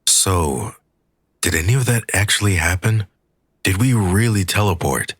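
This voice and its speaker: A man's voice: low voice, animated, measured pace, a bit bright, slightly rough, no echo, clean studio sound, exaggerated voice. A man doing a dazed, shaken man. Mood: bewildered. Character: dazed, shaken man struggling to grasp events.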